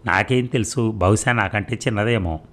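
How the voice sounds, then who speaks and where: A man reading aloud as a hurt, sharp-tongued young wife who speaks in a sarcastic, accusing way. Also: medium pitch, moderate pace, lightly acted. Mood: bitter accusing.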